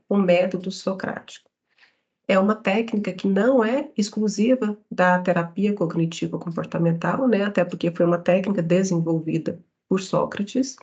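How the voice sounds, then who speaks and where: A woman's voice: mid-range voice, a little mellow. A woman giving a psychology study-group lecture in an explanatory way, often checking in with tag questions.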